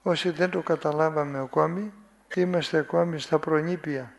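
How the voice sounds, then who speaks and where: A man's voice: a little high, fairly even intonation, vocal fry. A man preaching a sermon, reading from a spiritual text, commenting on it unhurriedly and asking his listeners rhetorical questions.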